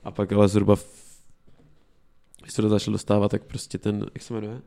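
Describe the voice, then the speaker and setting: A man with a low, gravelly voice and a dark, mellow tone chats casually about football on a podcast. He speaks flatly and evenly, with plenty of slang and a laid-back manner. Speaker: podcast co-host.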